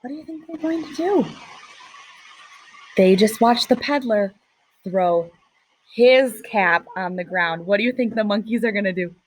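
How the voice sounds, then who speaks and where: A woman teacher reading a picture book aloud to children, expressive and pausing to ask questions. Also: mid-range voice, slight background noise, poor audio. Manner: expressive, asks listeners questions.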